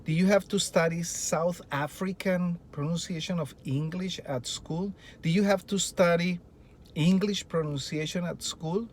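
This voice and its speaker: A middle-aged Spanish teacher, a native speaker with a Colombian accent, presents earnestly to fellow teachers and asks many rhetorical questions. His high-pitched voice stays steady and a little slow, with a little hiss or hum.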